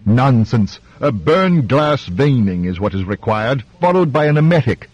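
A man voicing a pompous male court doctor who rattles off remedies with brisk scorn. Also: mid-range voice, big pitch swings, a little mellow, husky, no echo, highs cut off, voice pushed up. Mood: scornful.

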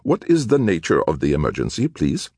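A man's voice: deep voice, wildly swooping pitch, a little fast, a little mellow, husky, no room sound, pitched above the performer's own voice, exaggerated voice. Man voicing a fussy polite bureaucrat, evasive, prim, raised voice, dry. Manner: prim, hesitant, polite formality.

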